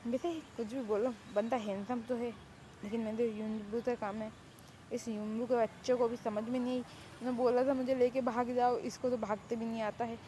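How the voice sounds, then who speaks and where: A woman's voice: fairly high pitch, flat delivery, normal speed, warm tone, slight background noise, close to an everyday voice. A woman playing a dramatic young woman held in a palace, stammering and indignant. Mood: chatty. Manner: stammering, indignant, self-pitying. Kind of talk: Hindi fan-fiction audio story.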